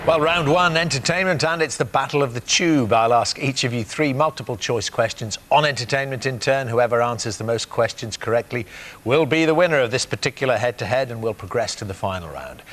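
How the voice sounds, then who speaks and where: A male game show host in a TV studio, reading out multiple-choice questions at a brisk clip. He keeps things lively and drops in the odd "uh" as he chats with the players. His voice sits at an ordinary mid pitch. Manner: brisk, upbeat, with frequent "uh" fillers. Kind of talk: television quiz hosting. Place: television studio.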